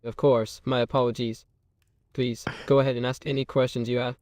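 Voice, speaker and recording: A man voicing a flat, formal oddities collector. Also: medium pitch, a little fast, no echo, lightly acted. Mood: courteous. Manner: formal, courteous, keeps asking questions. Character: polite, nosy male collector of oddities. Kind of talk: game character dialogue.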